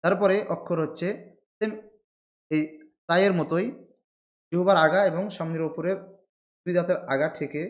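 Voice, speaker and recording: A man teaching Quran pronunciation in Bengali. He speaks patiently, repeats each letter slowly and stretches the sounds while explaining where the tongue and throat should sit. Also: high voice, steady tone. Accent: Bangladeshi Bengali. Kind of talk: pronunciation lesson with drawn-out letter demonstrations.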